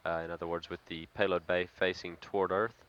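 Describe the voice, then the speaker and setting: A man with a low voice gives live spaceflight commentary as a mission control announcer. His delivery is measured, halting and factual, on a slightly dull, lo-fi feed. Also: level tone, noisy background.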